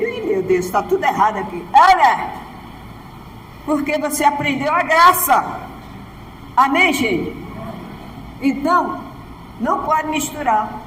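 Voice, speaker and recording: A woman's voice: high-pitched, slight background noise. A woman pastor with a Brazilian Portuguese accent, preaching a sermon from the church altar and often prompting her congregation for an "amen". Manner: preaches emphatically, often asking the congregation "Amém?". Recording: echoey church hall.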